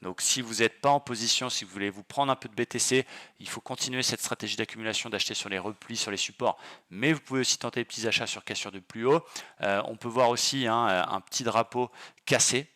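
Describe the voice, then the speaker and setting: A man's voice: mid-range voice, quick pace, sharp tone. A man hosting his trading channel, talking through stock charts casually and eagerly, with many fillers. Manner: enthusiastic, exclamatory, many fillers.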